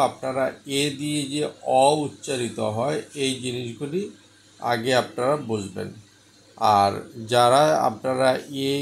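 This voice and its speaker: A man's voice: medium pitch, gravelly, a little hiss or hum, low-quality recording. A man teaching an English pronunciation lesson, spelling words out letter by letter and repeating them.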